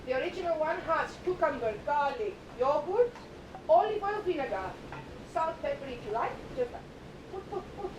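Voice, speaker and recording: A woman's voice: animated, normal speed. A woman with a Greek accent gives a live cooking demonstration to an audience, playful and emphatic, repeating words and asking questions. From Greece. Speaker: cooking demonstrator on a cruise ship. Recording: echoey room, distant mic, noisy rumble.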